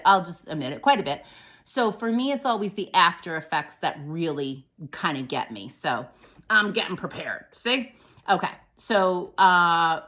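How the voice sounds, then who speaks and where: A woman's voice: lowish voice, fairly bright tone. A woman giving a chatty spiritual card and essential oil reading in a casual vlog, gushing and laughing often. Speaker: spiritual reader and channeler.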